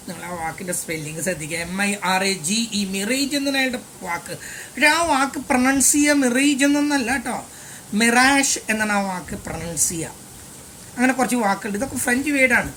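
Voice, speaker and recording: Older male maths teacher, fairly high voice, chatty storytelling lesson with English phrases mixed in. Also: pushed and bright, slight background noise. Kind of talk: classroom lesson told as a personal story.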